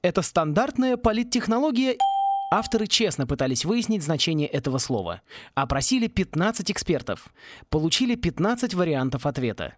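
A man narrating a satirical fantasy audiobook in an ironic, lively storytelling manner. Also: on the high side, a little fast.

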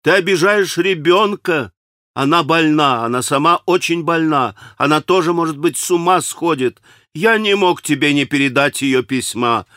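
A man voicing a gentle, earnest young man. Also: on the high side, moderate pace, no room sound, clean studio sound, pitched above the performer's own voice. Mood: fervent. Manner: earnest, pleading.

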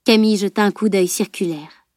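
A woman narrates an adventure novel at a measured, steady storytelling pace. Her voice sits in a middle register. The recording is close and dry, with no room sound. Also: medium pitch, no echo. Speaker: audiobook narrator. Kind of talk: scripted narration.

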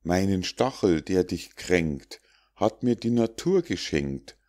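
A man's voice: low-pitched, animated, slow pace, a little mellow. A man voicing a female wasp from a storybook fable who begs for mercy after stinging a boy and excuses herself. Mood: pleading. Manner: begging, self-excusing.

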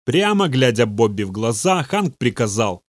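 Dude narrating a book, steady reading, middle pitch, dry close mic. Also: male voice, moderate pace, no echo. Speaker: audiobook narrator. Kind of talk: scripted narration.

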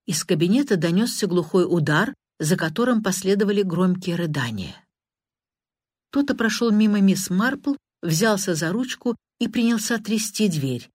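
A woman narrating an audiobook in an even, measured reading. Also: medium pitch, breathy edge, no room sound, clean studio sound. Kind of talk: scripted narration.

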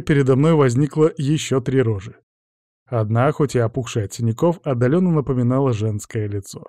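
A man narrating an audiobook in a steady, wry way. His voice is dark and mellow, at a middling pitch. The recording is dry and close. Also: no room sound.

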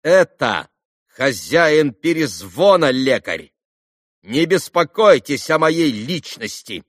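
A man's voice: a little high, big pitch swings, takes it slowly, fairly bright tone, dry recording, clean studio sound, pitched above the performer's own voice, exaggerated voice. A man voicing a proud, cheeky teenage boy who talks curtly and defiantly. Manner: curt, defiant.

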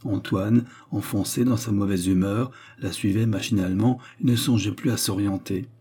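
A man narrating a classic novel as an audiobook in a calm, measured reading. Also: fairly low pitch, slightly rough.

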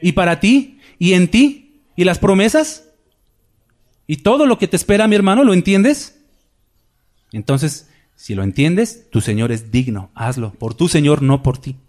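A man's voice: high voice, lively intonation, unhurried, a little mellow. A man preaching a Sunday sermon, with emphatic repetition and rhetorical questions. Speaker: pastor. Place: church.

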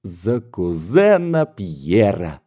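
Audiobook figure: male narrator reads a breathless, overjoyed young woman, pitched well up. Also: expressive, measured pace, warm tone. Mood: elated. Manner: gushing, breathless with joy. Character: excited young woman, a general's daughter, newly engaged.

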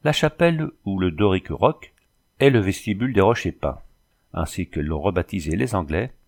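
A man reads an adventure novel aloud in a measured, dramatic manner. His voice sits low and carries a gravelly rasp. The reading is steady and deliberate. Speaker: narrator. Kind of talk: audiobook narration.

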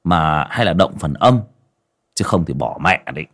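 A man's voice: a bass voice, animated, fairly bright tone, pitched below the performer's own voice, exaggerated voice. A man voicing a blunt, brusque village shaman who speaks plainly and curses freely. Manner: brisk, blunt, earthy.

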